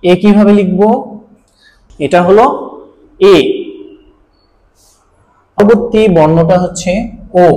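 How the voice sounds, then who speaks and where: A man's voice: fairly high pitch, darkish tone. A man from Bangladesh teaching a Japanese language lesson, explaining patiently step by step and repeating key points. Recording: roomy echo.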